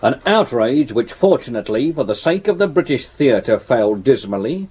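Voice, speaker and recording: A husky, grumbling police sergeant. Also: male voice, medium pitch, sing-song, normal speed, darkish tone. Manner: deferential, grumbling. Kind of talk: 1970s radio drama acting.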